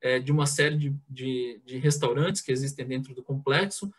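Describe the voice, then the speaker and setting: A man's voice: mid-range voice, normal speed, husky. A man in his thirties giving an online conference presentation over a headset mic, hesitant, with many filler sounds and restarts. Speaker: president of a biogas association giving a talk. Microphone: headset on a video call.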